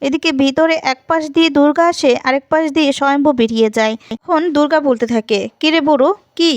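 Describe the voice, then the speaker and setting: A woman's voice: sits high, steady tone, fast talker, dry recording. A woman retelling a television serial's plot in a casual spoken way, quoting each character's lines in her own voice.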